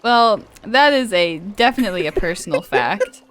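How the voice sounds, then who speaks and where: A young American woman in her twenties chatting casually while gaming, giggly and quick to laugh. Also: medium pitch, lively intonation, a bit bright. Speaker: gaming channel co-host. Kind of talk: casual gameplay chat.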